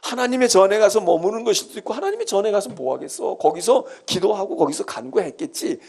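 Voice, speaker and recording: A man's voice: high-pitched, very animated, fast talker, creaky, darkish tone, slightly rough. A male senior pastor giving a sermon-style Bible lecture in a church, conversational and emphatic, repeating his key phrases.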